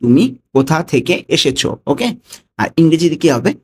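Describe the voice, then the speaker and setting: A man giving a spoken language lesson, repeating example phrases slowly and lifting his voice on each one. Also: fairly high pitch, slight background noise. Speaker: language tutor.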